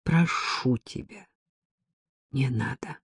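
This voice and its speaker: A woman reading the part of a timid young woman who hesitantly, apologetically asks a friend for a favor, in a soft, husky, dry voice. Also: deep voice, expressive, normal speed, no room sound. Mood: dejected.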